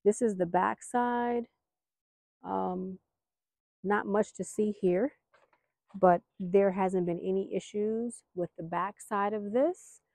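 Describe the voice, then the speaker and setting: An American host of a gardening vlog talks casually as she films around her backyard garden, rambling in a chatty, folksy, somewhat apologetic way. She takes it slowly in a mid-range, a little mellow voice with fairly even intonation, and there's no echo.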